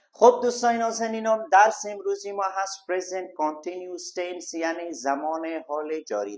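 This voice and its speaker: A man with a somewhat high-pitched voice leads an online English lesson. He speaks to his listeners as dear friends. He slows right down to spell each English word letter by letter. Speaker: English teacher.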